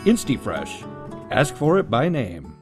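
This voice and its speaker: A man's voice: mid-range voice, huge pitch swings, slow pace, faint music behind. A man playing a chipper announcer in a spoof 1950s-style ad, with an exaggerated salesman delivery. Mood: chipper salesmanship.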